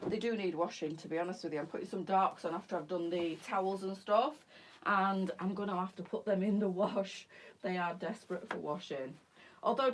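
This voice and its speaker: Female host, casual live-selling patter to viewers, mid-pitch, occasionally puffing. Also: slight background noise. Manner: chatty, warm sales patter addressing viewers as girls. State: out of breath while changing. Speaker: boutique live-stream host.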